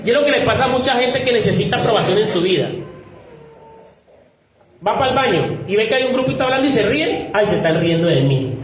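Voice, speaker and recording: A man with a high-pitched voice preaches a sermon, firmly exhorting his listeners and pausing on questions for them to finish. His voice rings through a very reverberant church hall, picked up from some distance away with a faint hiss beneath it. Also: crowd noise. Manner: asks the congregation fill-in-the-blank questions; direct and exhorting, addresses listeners as "usted". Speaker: pastor. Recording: very echoey hall, mic far off, faint noise.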